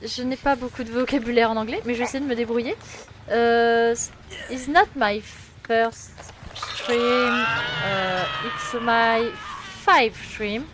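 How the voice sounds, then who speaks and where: A slow-talking woman from France streams a game, her voice on the high side against background noise and game music. She gives casual gameplay commentary, chatty and self-mocking, muttering to herself while she plays.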